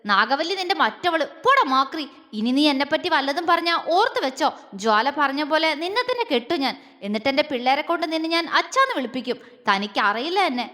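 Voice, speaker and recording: A woman voicing a feisty, sharp-tongued young woman in an audio story who snaps back quickly. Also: high-pitched, big pitch swings, heavily acted. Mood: angry. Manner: fiery, quick retorts, turns tearful.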